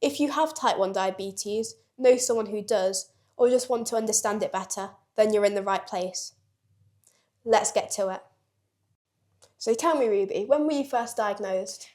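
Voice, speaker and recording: A teenage girl hosts the podcast, asking questions and chiming in with quick agreement. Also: mid-range voice, a little mellow. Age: teens. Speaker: podcast host. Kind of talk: casual interview.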